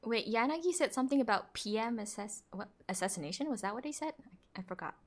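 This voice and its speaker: A woman's voice: on the high side, animated, quick pace. A woman guest co-streamer chatting casually, teasing her friend and laughing often. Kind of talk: casual live-stream chat.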